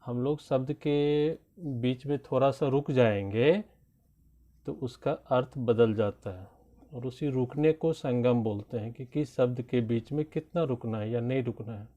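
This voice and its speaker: A man teaching a grammar lesson to children, explaining slowly and drawing out his example words. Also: medium pitch, highs cut off. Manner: slow, deliberate explanation with drawn-out example words. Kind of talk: classroom lesson addressed to children.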